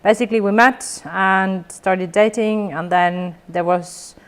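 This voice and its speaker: By a river in Lapland, a woman from South Finland who speaks Finnish as her first language chats outdoors in a casual interview. She owns a tourism business and talks slowly at a medium pitch, relaxed and matter-of-fact with light humor.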